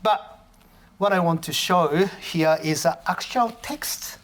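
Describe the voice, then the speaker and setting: With a voice that sits high and sounds a bit bright, a man whose mother tongue is Japanese lectures as a professor. He frequently falters and reworks his sentences.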